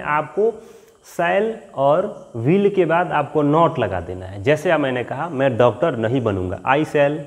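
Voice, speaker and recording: A man teaching an English grammar lesson, explaining patiently, dictating example sentences slowly and often checking that students understand. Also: fairly high pitch, long reverb tail. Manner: checks understanding with repeated questions.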